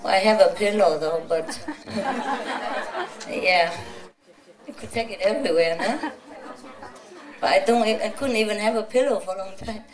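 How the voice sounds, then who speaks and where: A woman's voice: mid-range voice, normal speed, long pauses, crowd noise. A woman spiritual teacher giving an informal, chatty talk to a gathering, teasing and laughing often. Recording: roomy, from a distance.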